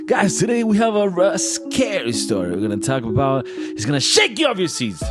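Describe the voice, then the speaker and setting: A man's voice: high voice, wildly swooping pitch, normal speed, over music, voice pushed up. A man putting on the voice of a theatrical male radio announcer. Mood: dramatic.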